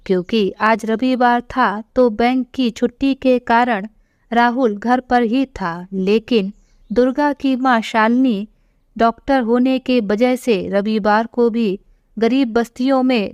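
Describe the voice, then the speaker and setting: Slow, clear-voiced woman storyteller. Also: a little high, a little mellow, no echo, muffled recording. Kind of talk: scripted story narration.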